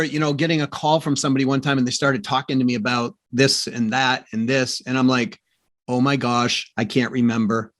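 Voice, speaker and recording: A man's voice: mid-range voice, a bit bright, dry recording, studio quality. A middle-aged man hosting a podcast interview, telling stories in a chatty way with lots of asides and restarts. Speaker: podcast host. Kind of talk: casual interview chat.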